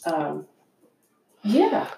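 A young woman chatting casually with her husband, telling stories with lively acted-out voices and frequent laughter. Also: sits low, extremely slow, gravelly, distant mic. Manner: animated storyteller, acts out voices, laughs often. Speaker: co-host of a couples talk show. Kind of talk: casual chat. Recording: roomy sound, off mic.

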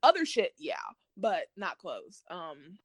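A laid-back woman chatting casually as a podcast co-host, laughing easily between her thoughts. Her pitch sits in a middle range, and the recording is dry with no room sound. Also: sing-song, slow, no room sound. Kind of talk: casual chat. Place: home.

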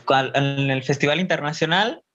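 A man tells his story in an animated, chatty way. His voice sits fairly high for a man and jumps up when he plays out his own nervous thoughts. The recording sounds muffled and lo-fi. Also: normal speed. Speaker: interview guest, burlesque performer and dance teacher. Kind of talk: casual storytelling interview.

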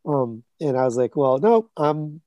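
A man of 30 to 40-something guests on a podcast reviewing collectibles, chatting in a rambling style with fillers and restarts. His scratchy mid-range voice is animated, unhurried and warm, with no echo but dull audio.

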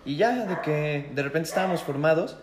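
A man's voice: a little high, moderate pace. A young man with a Mexican accent, co-hosting a casual podcast and telling a story full of slang and acted-out voices. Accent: Mexican Spanish. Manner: animated, acts out quoted voices, heavy slang. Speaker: podcast co-host. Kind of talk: casual storytelling among friends. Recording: roomy room with faint background noise.

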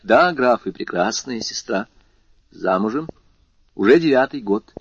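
A man voicing an earnest, warm young officer in an audiobook, with a raised, eager delivery. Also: mid-range voice, animated, unhurried, a little hiss or hum. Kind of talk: audiobook character voice. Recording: slightly muffled lo-fi recording.

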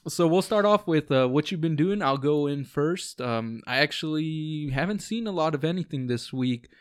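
A man's voice: a little high, animated, moderate pace, clear, resonant tone, dry recording, studio quality. A man hosting a casual podcast chat at home with friends, easygoing and rambling, with lots of ums. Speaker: podcast host.

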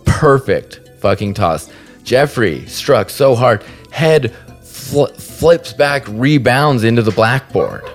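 A man's voice: medium pitch, slow, faint music behind. A man from the Salt Lake area hosting a podcast, telling a funny story casually, swearing freely and laughing at himself. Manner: swears freely, animated and self-deprecating. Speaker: podcast host.

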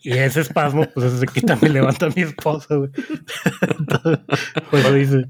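A man with a Mexican accent, co-hosting a podcast and rambling through stories in a relaxed, slangy way. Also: mid-range voice, measured pace, slight background noise. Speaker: podcast co-host. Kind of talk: casual chat.

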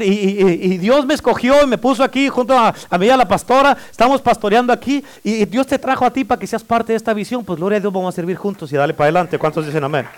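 A male pastor with a high-pitched voice delivers a lively sermon in church. He calls out for amens and playfully teases his listeners as he preaches. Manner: preaching with call-and-response amens; playful, teasing the congregation.

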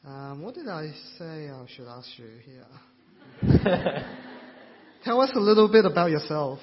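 A man's voice: fairly high pitch, animated, a little slow, big-room sound, muffled recording. A man interviewing and introducing the preacher at a church, asking brief questions with a light, laughing manner. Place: church hall.

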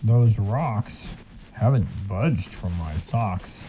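A man's voice: on the low side, animated, extremely slow, background noise. A man voicing a grumpy, plodding male ox in a rhyming storybook, grumbling and drawn out. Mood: complaining.

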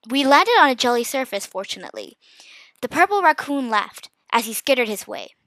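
A woman narrating a first-person fantasy story with lively expression. Her voice is high and bright, with a dry, close sound. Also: brisk, dry recording.

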